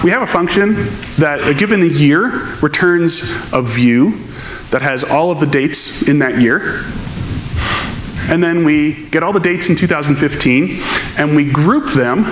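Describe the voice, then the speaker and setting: Speaking a little slowly, the man has a slightly high, expressive voice with a fairly bright tone. He's on stage giving a technical conference keynote in a large lecture hall and explains his answers to audience questions thoughtfully. Faint noise and hall echo come through.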